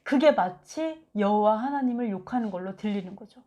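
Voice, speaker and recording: A woman giving a conversational Bible teaching, lively and acting out quotes from scripture. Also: medium pitch, normal speed, highs cut off. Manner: animated, acts out biblical quotes.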